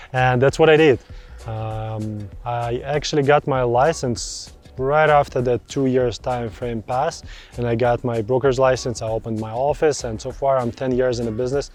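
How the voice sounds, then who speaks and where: Speaking English with a Russian accent, this broker from Russia, in his thirties, fields viewers' questions in an easy, conversational way and repeats words to stress points. Soft music plays behind his mid-range voice, which keeps a moderate pace.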